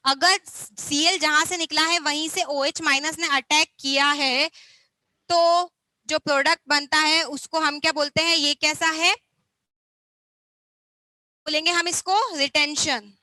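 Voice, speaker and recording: Young woman, high bright voice, chemistry teacher who quizzes and answers herself, dry close sound. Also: steady tone, measured pace, no echo, rough recording. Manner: asks questions and answers them herself. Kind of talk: classroom lecture.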